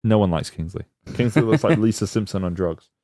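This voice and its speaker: A man's voice: on the low side, lively intonation, fairly quick, dark tone, no echo, studio quality. A man hosting a casual wrestling podcast, joking around and quizzing his co-hosts. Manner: banters and quizzes co-hosts, jokey. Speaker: podcast host.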